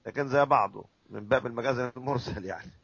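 A man's voice: medium pitch, fast talker, creaky, fairly bright tone, husky, no room sound, poor audio. A man with an Egyptian accent, a sheikh explaining a classical recitation text to students, drilling sounds syllable by syllable and quizzing his listeners. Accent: Egyptian Arabic.

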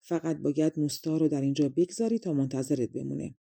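A woman voicing a small clever talking monkey in a storybook, with a playful, coaxing manner and a dark, mellow tone. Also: low voice, fairly even intonation, creaky, no echo, clean studio sound.

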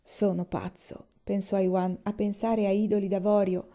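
A woman reading a novel aloud in a calm, even storytelling voice, voicing the dialogue lightly. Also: mid-range voice, normal speed. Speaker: reader.

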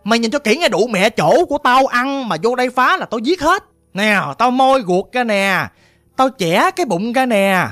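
A hungry bamboo-pole spirit from a spoken ghost story, as a woman puts it on, snarling and cursing with a Southern Vietnamese accent. Its voice sits higher than plain speech and drags its threats out slowly. It sounds menacing and hungry. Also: lively intonation, fairly bright tone, dry recording. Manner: snarling, slow and drawn-out threats.

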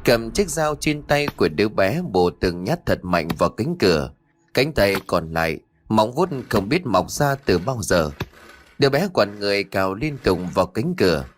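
A man narrating a horror story as a storyteller, reading in a steady, measured way. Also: lowish voice, a little hiss or hum. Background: faint music.

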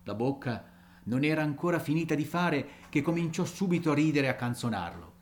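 A man reading a classic storybook aloud in an expressive way, with small ad-libs and chuckles. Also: on the high side, fairly quick, slight background noise. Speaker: audiobook reader.

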